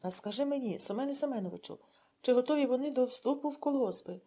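A woman reading an audiobook and voicing a zealous male secret-police officer who speechifies until he is hoarse. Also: high voice, animated, fast talker. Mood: probing. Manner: fiery speechmaking, rising to shouts.

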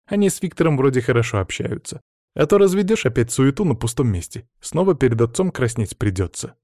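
A man's voice: mid-range voice, sing-song, a little fast, dark tone, no echo, clean studio sound, pitched above the performer's own voice. A man voicing a young woman, a sister who talks in a teasing, mocking way.

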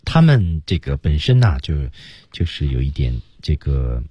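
Deep, husky male radio teacher. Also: sing-song, a little slow, warm tone, no room sound, clean studio sound. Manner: breaks into English phrases with big exaggerated pitch jumps to demonstrate them. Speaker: radio English teaching host. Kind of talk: bilingual language lesson on a radio program. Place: radio studio.

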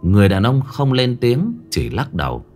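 A man narrating a ghost story in a lively, dramatic storytelling manner. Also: mid-range voice, normal speed. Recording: faint background music.

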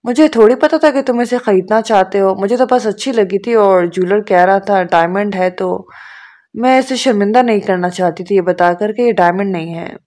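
A woman reading the lines of a serious young woman who speaks softly and gently but firmly. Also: medium pitch, close to an everyday voice. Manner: serious, soft-spoken.

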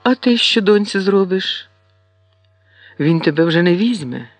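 Storybook role: a man playing a defiant young village woman, raised voice, slow and deliberate delivery. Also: high voice, expressive, no echo, soft background music, heavily acted. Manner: tense, heated outbursts.

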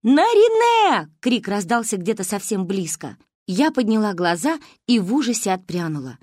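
A woman narrating an audiobook in a lively, expressive storytelling manner. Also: mid-range voice, normal speed, husky, no echo, studio quality.

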